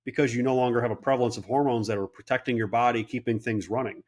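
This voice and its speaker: Guest, man, late 30s, casual and animated, mid-pitch, acts out quotes. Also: fast talker. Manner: animated storyteller, quotes people in voices. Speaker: guest, clinic owner. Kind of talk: casual interview talk.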